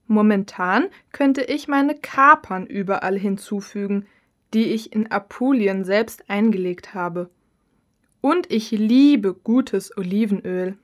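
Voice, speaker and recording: A woman answering interview questions as a cookbook author in a scripted listening-test recording, in a calm, measured reading. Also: medium pitch.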